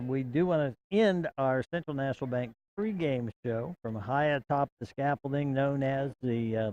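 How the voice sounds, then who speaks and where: A man calling a local high school football game, folksy and chatty, getting excited on big plays. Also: muffled recording. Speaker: play-by-play announcer. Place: outdoor broadcast stand at a football field.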